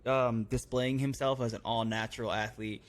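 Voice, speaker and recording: A man's voice: medium pitch, little pitch movement, moderate pace. A man in his thirties, a guest on a podcast, chatting casually in short, matter-of-fact phrases. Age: 30s. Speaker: podcast guest, professional fighter. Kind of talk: casual chat.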